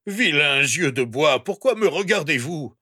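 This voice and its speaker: Man doing a woodcarver father in a storybook, scolding then plaintive, slow, dry booth sound. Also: medium pitch, expressive, fairly bright tone, dry recording. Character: male woodcarver father, stern yet tender.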